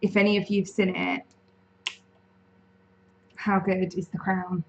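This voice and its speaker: A woman's voice: lowish voice, level tone, slow, creaky, lo-fi sound, slight background noise. A woman from the UK hosting a casual live-stream chat from home, bubbly and chatty, greeting viewers by name. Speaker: lifestyle channel host. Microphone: desk mic.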